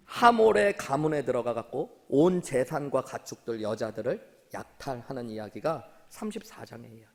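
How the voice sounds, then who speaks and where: Guy preaching in church, kinda high voice, tells the story and keeps talking right to the people, echoey hall. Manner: storytelling, addresses the congregation directly. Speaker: senior pastor. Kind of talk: sermon. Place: church sanctuary. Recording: long hall reverb.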